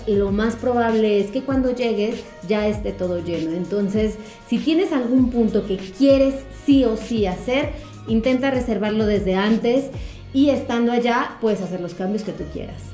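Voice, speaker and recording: A woman's voice: on the high side, warm tone, reverberant. A young woman vlogger giving upbeat travel tips to camera from her living room couch. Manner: upbeat, announces numbered tips. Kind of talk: casual advice to camera.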